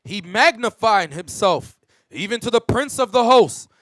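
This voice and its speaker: A man's voice: high-pitched, measured pace, no echo. A man reading Bible verses aloud on cue during a class. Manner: steady recitation of verses on cue. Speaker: scripture reader in a Bible class.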